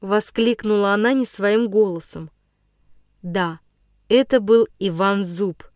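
A woman's voice: mid-range voice, fairly even intonation, takes it slowly, darkish tone, no room sound, studio quality. Woman narrating a storybook, dramatic. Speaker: audiobook narrator. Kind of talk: scripted narration of a classic children's story.

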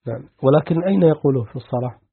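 A man, a sheikh, calmly explaining hadith to a class and checking that they follow. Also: medium pitch, racing. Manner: calm, explanatory, asks the class "clear?". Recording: tinny lo-fi lesson recording.

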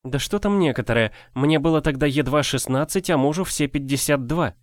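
A man's voice: fairly high pitch, fairly quick, no echo, studio quality, pitched above the performer's own voice, close to an everyday voice. A man voicing a purring coquettish young wife. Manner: purring, playful, affected. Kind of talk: audiobook character voicing.

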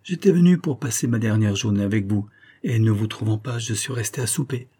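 A male audiobook reader voicing an earnest, reserved young woman, softly raising his voice for her polite lines. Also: fairly low pitch, fairly quick, husky. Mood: gentle. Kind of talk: audiobook character voice.

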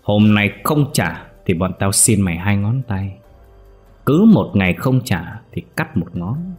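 Menacing male gang boss in a storybook, low and blunt, read by a man. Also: lively intonation, measured pace, soft background music. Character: threatening man, gang leader of debt collectors.

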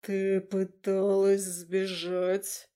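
Woman reading male dragon husband for an audiobook: low, slow, measured, mellow tone. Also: monotone. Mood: menacing. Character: male dragon husband, deep-voiced, stern then tender.

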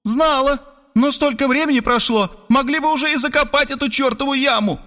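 A man's voice: very high-pitched, a little fast, pushed and bright, dry recording, clean studio sound, pitched above the performer's own voice. A man reading an audiobook, voicing a brash, bossy grown woman who scolds and commands impatiently. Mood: exasperated, scolding. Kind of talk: audiobook character voice.

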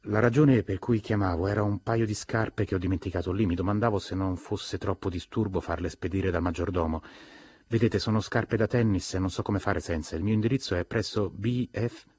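A man voicing a nervous, evasive young man who talks in a hurried, hedging way on the phone. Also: on the low side, a little mellow, husky, no echo.

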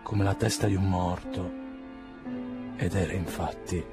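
A man reading a novel aloud as an audiobook narrator, in a calm, measured way. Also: low voice, over loud music. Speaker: audiobook reader. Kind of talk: scripted narration.

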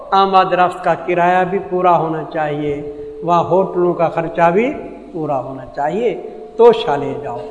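High-voiced Pakistani cleric in an echoing hall. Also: male voice. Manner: explains verse by verse, asks the audience questions. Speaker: Quran teacher. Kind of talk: Quran commentary lecture. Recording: echoey hall recording.

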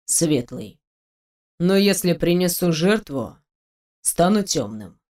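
A reader voicing a cunning, powerful male mage lord who speaks calmly and tersely in an audiobook. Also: mid-range voice, takes it slowly. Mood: guarded. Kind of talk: audiobook character voice.

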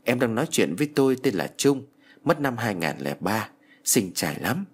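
A man giving a dramatic, lively scripted narration of a first-person ghost story. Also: mid-range voice, normal speed, slight background noise.

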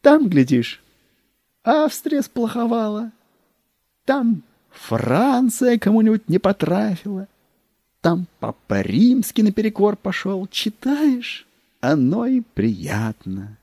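A man's voice: sits high, huge pitch swings, slow, mellow, no echo, pitched above the performer's own voice, heavily acted. A man voicing a fawning court secretary who gushes about food, with a wheedling, savoring manner and dropping into whispers. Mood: dreamy. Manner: wheedling, savoring every dish, slips into whispers.

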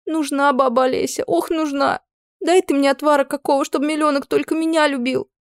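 Brief: woman voicing a sixteen-year-old village girl, high, whiny, pleading. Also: steady tone, fairly quick, dry recording, studio quality, close to an everyday voice. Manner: wailing and pleading. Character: weepy lovesick teenage village girl.

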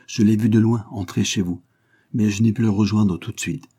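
A man voicing a cunning male detective who pretends to be naive and then presses with quiet urgency. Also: lowish voice, fairly even intonation, normal speed, husky. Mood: feigned naive.

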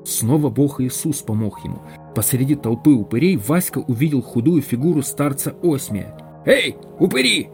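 A man narrating an audiobook in steady, measured scripted storytelling. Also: mid-range voice, faint music behind.

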